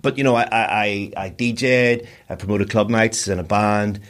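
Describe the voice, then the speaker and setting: This interview guest is a broadcaster and DJ from Northern Ireland, in his forties, chatting casually in a rambling, self-deprecating way and often restarting. He has a fairly low, fairly bright voice, steady in tone, at a moderate pace.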